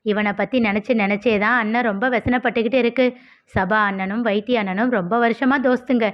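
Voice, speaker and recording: A woman's voice: fairly even intonation, a little fast, lo-fi sound, lightly acted. Scolding middle-aged mother, a woman voicing her. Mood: gossiping. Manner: scolding, gossipy in a low voice.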